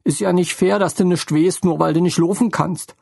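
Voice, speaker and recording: A man's voice: high-pitched, fairly even intonation, normal speed, vocal fry, darkish tone, breathy edge, no room sound, studio quality, pitched above the performer's own voice, exaggerated voice. A man doing a sobbing, motherly old woman. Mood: tearful. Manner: sobbing, breathless and simple-spoken. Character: stout, motherly older woman, tearful and kindly.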